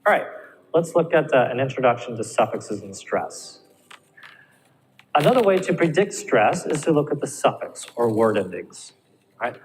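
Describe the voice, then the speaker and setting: A man's voice: medium pitch, big pitch swings, moderate pace. A male ESL teacher giving a recorded speaking lesson, encouraging and often checking in with his students. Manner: encouraging, checks in with frequent "all right?". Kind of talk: recorded classroom lecture. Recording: reverberant room with faint ambient noise.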